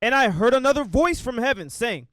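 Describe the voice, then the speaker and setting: Very high-voiced man reading scripture. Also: lively intonation, fairly bright tone, no room sound, poor audio. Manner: slow, deliberate reading of old-style verse. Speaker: scripture reader.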